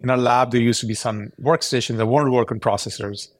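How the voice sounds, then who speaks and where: A man's voice: medium pitch, fairly even intonation, quick pace, no echo. A man in his forties from Pakistan, giving earnest, explanatory answers as a podcast guest. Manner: earnest, explanatory, with frequent restarts. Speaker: tech company founder, guest.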